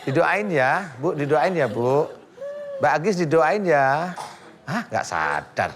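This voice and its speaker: A man's voice: takes it slowly, very noisy. Playful, teasing male preacher. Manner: playful and teasing, with lively pitch swings. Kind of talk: joking talk-show banter. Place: TV studio.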